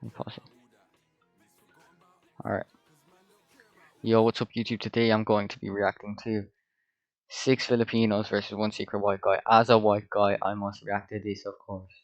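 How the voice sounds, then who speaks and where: A man's voice: lowish voice, little pitch movement, normal speed, long pauses, muffled recording. A man hosting a reaction video, talking loosely, swearing and muttering to himself. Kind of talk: casual reaction commentary. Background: music from the video being played.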